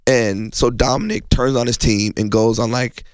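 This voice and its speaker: A man, a film critic co-hosting a podcast, sounding hoarse as he gets over a cold and talking in a rambling, casual way. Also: medium pitch, fairly even intonation, moderate pace, dry recording. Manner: rambling, laughing, many fillers.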